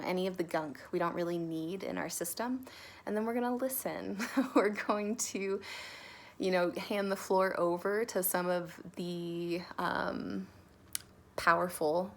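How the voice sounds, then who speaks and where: A woman leading a guided meditation in a relaxed, conversational way, with casual fillers and the odd soft laugh. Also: fairly low pitch. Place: home, sitting on folded blankets.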